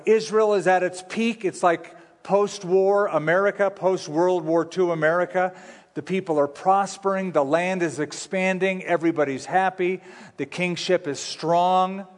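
A long reverb of a large hall surrounds a man's somewhat high voice. He preaches at a pulpit microphone as a pastor, explaining scripture in a conversational, teaching style. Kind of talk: sermon, expository Bible teaching.

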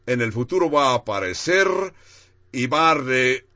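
A man preaching a sermon in a deliberate way, rising for emphasis and dropping low on key phrases. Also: expressive, pushed and bright, no echo, dull audio.

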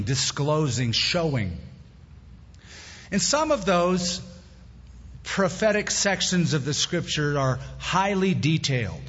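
Husky and a bit bright, a slightly high-voiced pastor delivers his sermon at a pulpit microphone. His style is conversational with plain-spoken asides, and the sanctuary sound is echoey and dull lo-fi.

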